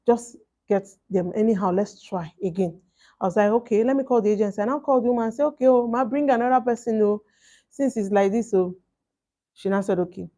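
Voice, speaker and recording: A woman's voice: a little high, darkish tone. Emphatic Nigerian woman telling her story. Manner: emphatic, acts out reported exchanges. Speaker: vlogger telling a personal story. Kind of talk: casual storytelling, slipping between English and Pidgin.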